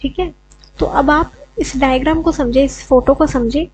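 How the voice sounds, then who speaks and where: A woman's voice: sits high, moderate pace, a little mellow, dry recording, poor audio. A woman teaching an education lesson, explaining step by step and often checking in with "okay". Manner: mixes English terms, repeats "ठीक है" often.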